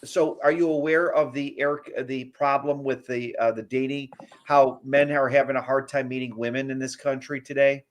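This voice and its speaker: A man's voice: medium pitch, steady tone, normal speed. Guy from ohio ranting on a livestream, blunt, direct, keeps restarting sentences. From Ohio, Cleveland area. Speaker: livestream host. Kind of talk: casual opinion livestream.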